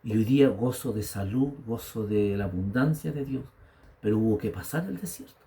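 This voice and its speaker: Chilean pastor preaching with a dark voice. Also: male voice, on the low side, moderate pace. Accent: Chilean Spanish. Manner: storytelling preacher, rising to emphatic exhortation. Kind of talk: sermon.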